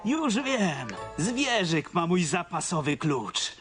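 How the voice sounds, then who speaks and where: A man's voice: high voice, big pitch swings, takes it slowly, full character voice. A man voicing a kind, absent-minded vet in a cartoon, talking mildly to himself. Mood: musing. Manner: mild, musing to himself. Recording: cartoon music behind.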